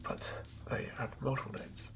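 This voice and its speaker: An ASMR host whispers up close at a moderate pace, murmuring and thinking aloud in fragments as he improvises a villain while planning a tabletop game. Background noise can be heard.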